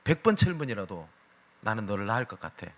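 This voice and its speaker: A man quoting a gruff, tender father. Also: on the low side, sing-song, fast, a bit bright, voice pushed down.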